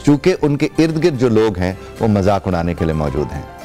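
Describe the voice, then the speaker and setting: A man's voice: lowish voice, very animated, a little fast, warm tone. Male guest, middle-aged, from Pakistan, formal patient explainer; light music bed under a studio interview. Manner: explanatory, formal Urdu with English words. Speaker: English teacher, guest.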